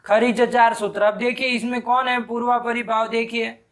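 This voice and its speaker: A man teaching Sanskrit grammar in a live class, quizzing his students briskly and scolding them sharply when they answer wrong. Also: very high-pitched, little pitch movement, a bit bright.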